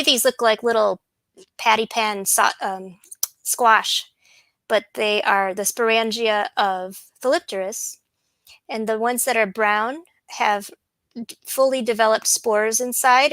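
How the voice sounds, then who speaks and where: A woman botanist giving an unhurried slide lecture, with frequent ums and restarts. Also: fairly high pitch, fairly bright tone, no echo, rough recording. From USA.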